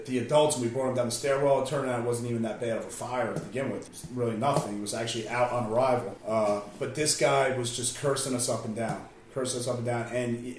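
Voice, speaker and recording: A man of middle pitch tells a story in loose, rambling conversation and fills the gaps with "uh" and "you know." He is a firefighter, and he sits back from the mic. A big echo hangs around his voice. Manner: rambling, many fillers and restarts. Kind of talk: casual storytelling. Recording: very roomy, distant from the mic.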